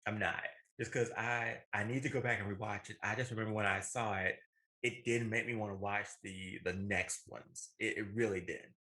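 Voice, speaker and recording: On this laid-back movie and video game show, a thirtysomething male co-host speaks with a lowish, sharp-toned voice, fairly even in intonation and moderate in pace. He chats informally, frequently looping back over what he's already said.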